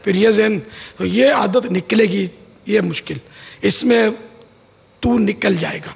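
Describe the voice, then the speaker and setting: Male preacher, high voice with heavy fry, chatty storytelling delivery, reverberant lo-fi sound. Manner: anecdotal, conversational, acts out quoted lines. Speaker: religious scholar giving advice. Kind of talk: informal religious talk. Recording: dull lo-fi sound with long reverb.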